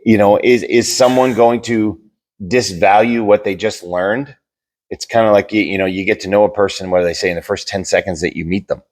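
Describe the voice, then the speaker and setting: A man's voice: on the low side, steady tone, a little fast. A man co-hosting a podcast in a casual debate chat, rambling and repeating words as he searches for them. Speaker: podcast co-host.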